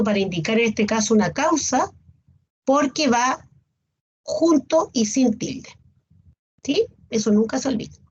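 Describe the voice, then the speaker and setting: A woman's voice: on the high side, a little mellow, slightly rough. A woman teacher gives an online class, patiently listing examples and often checking in with her students. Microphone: video call. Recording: dull lo-fi video call audio.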